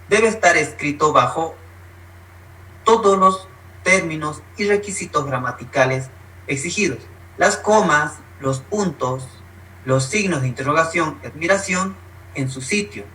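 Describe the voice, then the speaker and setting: A workshop presenter teaches an online lesson step by step, acting out short spoken examples and shifting his pitch for emphasis. His voice is bright and forceful, his pace unhurried, and the rough recording places him far from the mic.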